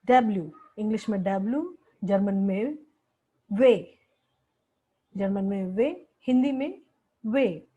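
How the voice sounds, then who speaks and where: A woman's voice: medium pitch, slow, pauses often, mellow, husky, highs cut off. A woman teaching a language lesson, patiently repeating each word several times. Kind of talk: slow spoken lesson with repeated words.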